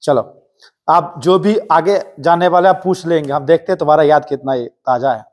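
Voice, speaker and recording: Male Hindi tutor, slightly high voice, drills a coaching class with quick call-and-response. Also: darkish tone. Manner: quizzing students with rapid call-and-response; strict, jokingly threatens students. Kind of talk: live classroom lesson.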